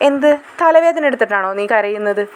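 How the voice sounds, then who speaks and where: A woman's voice: a little high, lively intonation, a little fast, darkish tone, a little hiss or hum, lightly acted. A woman voicing a curious teenage girl who pesters her older sister with prying, teasing questions.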